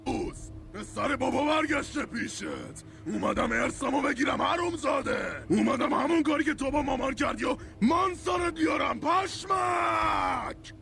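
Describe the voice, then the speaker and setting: A man's voice: extremely high pitch, animated, a little hiss or hum. A man playing bombastic, foul-mouthed Greek gods in a comedy parody dub, theatrical and bickering. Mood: furious, taunting. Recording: loud music behind the voice.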